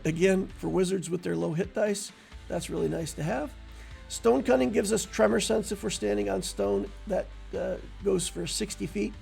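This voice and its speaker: A man explaining a tabletop role-playing character build in a casual, relaxed, conversational way, with frequent fillers. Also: high voice, normal speed, creaky, faint music behind. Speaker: tabletop game build creator.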